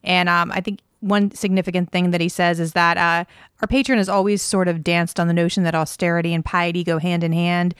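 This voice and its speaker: A woman's voice: lowish voice, little pitch movement, fairly quick, clean tone, dry recording, clean studio sound. A woman co-hosting a casual book discussion podcast, chatty and giggly, using casual slang. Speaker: podcast co-host.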